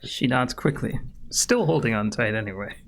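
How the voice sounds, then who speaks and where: A man's voice: mid-range voice, expressive, moderate pace, a bit bright, a little hiss or hum. A man running a tabletop game, narrating casually as game master.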